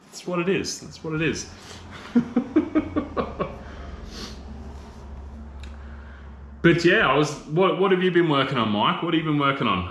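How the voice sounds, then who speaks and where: A man's voice: medium pitch, fairly bright tone. A man in his thirties with an Australian accent hosting a casual live chat with viewers, rambling and teasing them with mate and bro. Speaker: livestream host. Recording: roomy echo.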